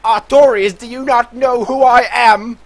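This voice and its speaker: A man voicing a pompous, prim British gentleman in a put-on posh British accent, scolding in a haughty, drawn-out way during game commentary. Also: extremely high pitch, fairly even intonation, pitched above the performer's own voice. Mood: indignant. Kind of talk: let's play commentary.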